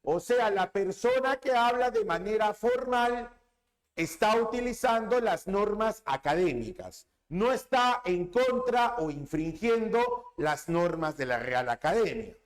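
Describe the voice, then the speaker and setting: A man with a fairly high voice teaches a classroom language lesson. He talks slowly and swings his pitch widely. He repeats key terms with drawn-out stress and keeps asking the class if they follow. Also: lively intonation. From Peru. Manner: repeats key terms, asks rhetorical checks. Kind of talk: classroom lecture on linguistics.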